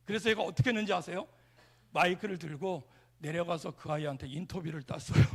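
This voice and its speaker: A man preaching a lively revival sermon in a church. His voice sits high and swings widely in pitch, with a gravelly texture. He tells stories playfully and keeps asking the congregation questions. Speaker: pastor. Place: large church sanctuary.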